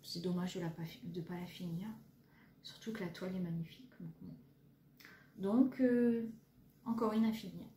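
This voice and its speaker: A woman's voice: lowish voice, steady tone, normal speed, long pauses, mellow. Chatty woman in an echoey room. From France. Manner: chatty, hesitant, many fillers, self-deprecating. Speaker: cross-stitch vlogger. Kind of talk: casual show-and-tell chat. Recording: echoey room, faint background noise.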